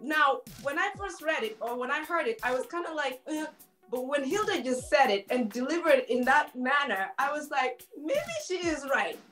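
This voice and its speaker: A woman's voice: high-pitched, moderate pace, a bit bright, faint music behind. A woman co-hosting a casual talk show, chatty and playful, laughing often and talking straight to viewers.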